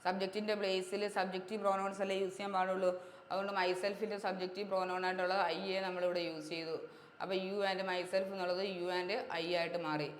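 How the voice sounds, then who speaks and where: A woman English grammar teacher, drilling points over and over and checking understanding with quick questions. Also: lowish voice, flat delivery. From Kerala, India. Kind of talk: exam-prep grammar lesson. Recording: echoey room with long reverb, faint hiss.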